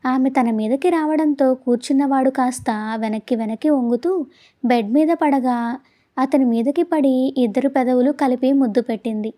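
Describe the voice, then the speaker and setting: A woman narrating a romance audio story in an expressive, even storytelling manner. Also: sits high, moderate pace.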